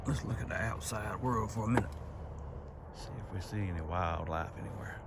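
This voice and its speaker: Southern US man, camping vlogger, relaxed folksy drawl, somewhat low voice. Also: a little fast, very noisy. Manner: folksy, drawling, laid-back. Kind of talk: casual vlog talk to camera. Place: camper in a pine forest.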